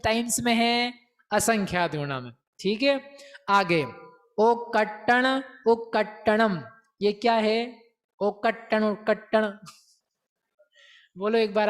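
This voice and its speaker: Teaching scripture, this high-voiced male teacher takes his time and keeps things playful. His explanations are slow and deliberate, sprinkled with rhetorical questions. He gets the class to say terms aloud with him.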